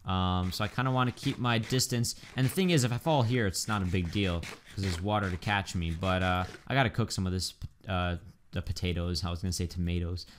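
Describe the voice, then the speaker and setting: A man's voice: low voice, a little fast. A man giving casual, chatty let's-play commentary, upbeat and full of ums and likes. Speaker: gaming YouTuber.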